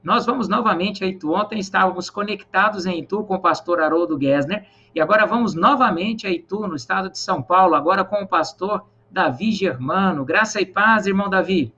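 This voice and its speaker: A man's voice: sits high, pushed and bright, highs cut off. Earnest man hosting a church stream. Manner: earnest, measured, many pauses. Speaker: online church program host. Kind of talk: prayer and live-stream hosting.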